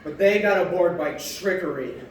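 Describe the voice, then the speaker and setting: A man playing an earnest young cabin boy in a live stage play, speaking plainly and deliberately. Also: high voice, animated. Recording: echoey hall from far off, faint background noise.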